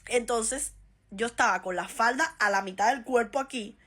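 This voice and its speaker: A Cuban woman tells a funny story from her school days in a casual vlog style. Her voice is bright and sits slightly high, and she laughs and acts out the people in the story as she goes. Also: normal speed. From Cuba. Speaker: vlogger.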